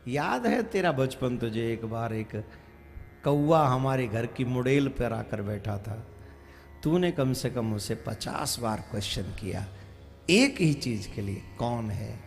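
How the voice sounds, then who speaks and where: A man playing a gentle elderly father who speaks softly and sorrowfully about the past. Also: lively intonation, takes it slowly, gravelly. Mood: wistful. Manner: soft, low, sorrowful reminiscing.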